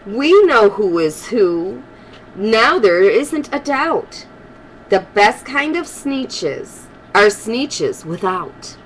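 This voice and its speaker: A woman acts out haughty, snobbish storybook creatures who declare themselves superior. The delivery is proud and unhurried, lively in pitch, over faint background noise. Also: low-quality recording. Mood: triumphant.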